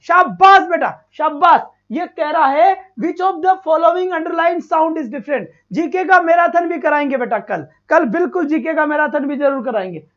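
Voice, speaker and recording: Guy teacher doing a live online prep class, really high voice, hyped up, cheering the students on, muffled lo-fi audio. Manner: energetic, loud praise and rhyming slogans to students.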